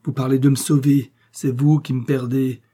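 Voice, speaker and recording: A man's voice: mid-range voice, brisk, dark tone, husky, close to an everyday voice. A man reading aloud voices a distraught, proud young woman who accuses and reproaches in a raised voice. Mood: angry. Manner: pleading then bitterly accusing.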